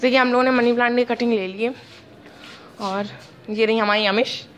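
Giggly high-voiced woman gardening vlogger. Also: steady tone, moderate pace, a bit bright, slight background noise. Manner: giggly, keeps laughing while talking; chatty, addresses viewers directly. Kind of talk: casual home vlog, showing plants. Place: home garden with potted plants.

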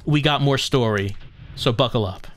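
A man's voice: mid-range voice, moderate pace. A man hosting a gaming video, chatting casually and musing as he plays. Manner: musing, conversational. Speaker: gaming channel host. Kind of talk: casual game commentary.

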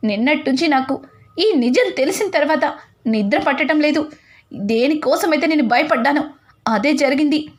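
A woman's voice: high voice, animated, moderate pace. A woman voicing a scheming, domineering middle-aged mother who scolds harshly. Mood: anxious.

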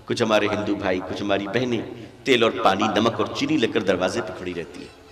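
A man, an Islamic cleric, giving an impassioned sermon at a religious school gathering, telling stories and swinging from soft talk to loud exhortation. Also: lowish voice, in a large hall, crowd noise.

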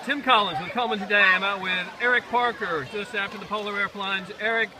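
A man's voice: sits high, steady tone, fast talker. A man working as a reporter, doing casual interviews on location. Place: out on location at a public pool. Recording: noisy outdoor and indoor crowd.

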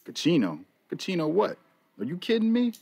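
An actor playing a jaded, foul-mouthed, streetwise casino hustler in a video game, blunt and defensive, with a husky voice. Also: male voice, high-pitched, huge pitch swings, a little fast, darkish tone, no echo, full character voice. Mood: defiant. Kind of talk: video game character dialogue.

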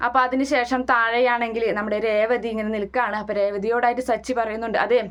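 A woman's voice: a little high, level tone, quick pace, fairly bright tone, clean tone. A woman casually recapping a TV serial episode in a run-on retelling, quoting the characters' lines as she goes.

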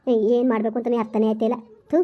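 A woman's voice: on the high side, level tone, racing, lo-fi sound, lightly acted. A woman playing a young woman who is eager to marry a grieving man, coaxing and impatient. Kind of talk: village skit acting.

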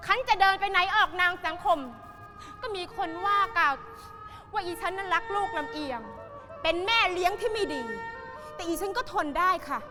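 A woman playing a fussy society-lady stepmother in folk opera, complaining in a dramatic, polite, whiny way. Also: extremely high pitch. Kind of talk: Thai folk opera stage acting.

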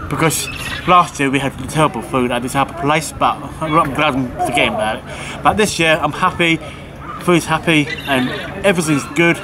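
Traffic hums in the background as a thirties trip participant rambles happily on camera from a quay, his fairly high-pitched voice moving at a moderate pace. The audio comes from a camera mic sitting across a table.

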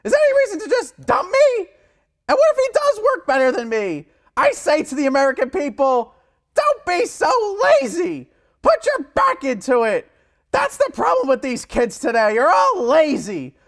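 Shrill, whiny old sponge. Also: male voice, wildly swooping pitch, normal speed, fairly bright tone, full character voice. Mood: scolding. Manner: whiny, scolding, melodramatic. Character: cranky, indignant old yellow kitchen sponge politician. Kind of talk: comic mock political debate.

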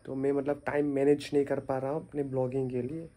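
एक युवा आदमी कमरे में फ़ोन पकड़कर अपने दिन के बारे में बिखरे ढंग से बात करता है, बीच-बीच में बार-बार "मतलब" कहता है।. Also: male voice, mid-range voice, flat delivery, quick pace, warm tone. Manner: rambling, many fillers, tired. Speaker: vlogger and teacher. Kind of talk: casual vlog to camera. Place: small room indoors. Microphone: phone at arm's length.

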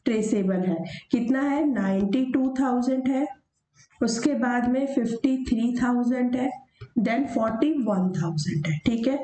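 A woman teacher with a mellow, fairly high voice talks through a worked problem over her notes. She poses questions and answers them herself, and she slows down to read the question word by word. The sound carries a roomy echo. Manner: reads the question slowly, then explains step by step. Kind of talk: lesson over handwritten notes. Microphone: voice-over of screen notes.

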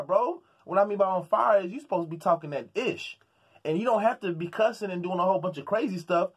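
A man's voice: high-pitched, slightly rough. A man from Houston, Texas, ranting about sports as a vlogger in a fired-up, slangy way, often stammering and repeating words. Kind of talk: sports commentary rant.

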